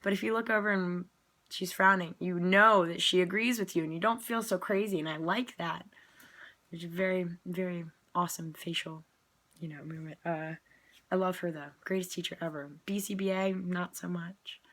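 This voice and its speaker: A woman's voice: fairly low pitch, moderate pace, a bit bright. A woman who is sick and coughing, chatting casually to camera about her tiring day and acting out what people said to her. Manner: tired and frank, acting out quoted exchanges. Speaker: parent sharing a video diary. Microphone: phone or webcam recording.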